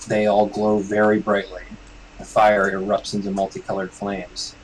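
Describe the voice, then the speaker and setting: A man acting as game master, narrating a tabletop game in a measured way with pauses between phrases. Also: fairly low pitch, completely flat delivery, slight background noise, poor audio.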